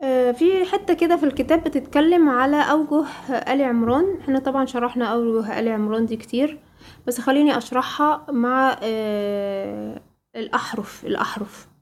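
A woman's voice: sits high, a little fast, darkish tone. A woman with an Egyptian accent teaching a tajweed lesson, quizzing her listeners with prompt questions and repeating key terms. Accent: Egyptian Arabic. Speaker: Quran recitation teacher.

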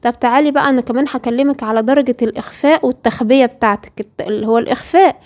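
A woman's voice: fairly high pitch, racing, darkish tone. A woman with an Egyptian Arabic accent teaching tajweed, explaining patiently and asking her female student rhetorical questions. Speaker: Quran recitation teacher. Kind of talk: tajweed lesson.

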